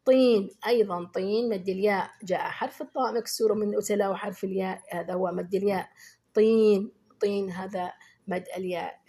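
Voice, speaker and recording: A woman teaching beginners and speaking to pupils. She praises them often and draws out the example words slowly and clearly. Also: mid-range voice, little pitch movement, a little mellow. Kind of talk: children's lesson addressing pupils.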